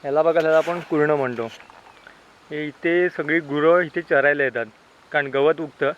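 Chatty Konkani Marathi village vlogger. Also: male voice, a little high, steady tone, moderate pace, muffled recording. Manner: chatty, teasing, shows things to viewers. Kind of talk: casual village vlog narration. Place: outdoors in a village and forest. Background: insects and birds.

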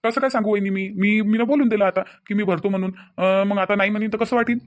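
A man's voice: high voice, steady tone, fast talker, dry recording, lightly acted. A man voicing a young son in a cartoon who defends himself and apologizes to his mother, with a Varhadi Marathi accent. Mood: defensive. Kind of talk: cartoon voice acting.

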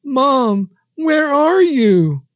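A man's voice: a little high, very animated, extremely slow, muffled recording, voice pushed up, exaggerated voice. A man voicing a frightened small boy who calls shakily for his parents and pleads through tears. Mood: frightened pleading. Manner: shaky, pleading, fighting back tears.

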